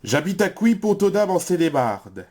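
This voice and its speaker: A man's voice: high voice, very animated, normal speed, a little mellow, pitched above the performer's own voice. A man voicing a plain, matter-of-fact male transit-worker contestant in a parody game show.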